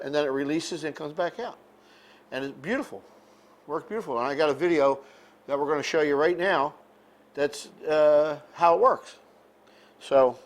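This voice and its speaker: An older man, a machinist, explaining step by step in a plainspoken, casual way. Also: fairly high pitch. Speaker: machinist demonstrating his lathe. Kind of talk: casual shop demonstration. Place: indoor home machine shop. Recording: noisy machine shop background. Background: running machinery noise.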